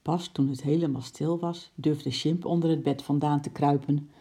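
A woman reading a children's story aloud in a lively, expressive narration. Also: low-pitched, moderate pace.

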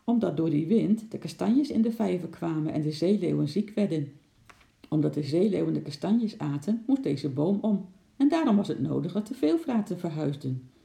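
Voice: medium pitch, expressive, moderate pace, gravelly, warm tone. A reader voicing a kindly, weary zookeeper uncle in a children's storybook, talking tiredly with sighs, with a roomy echo. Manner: tired, sighing.

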